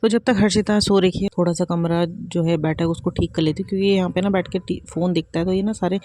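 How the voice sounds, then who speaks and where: A woman in her thirties, a mother of two, chats casually in a daily home vlog, repeating herself as she does housework around the kitchen and other rooms. Her voice is fairly low, mellow and fast, with fairly even intonation.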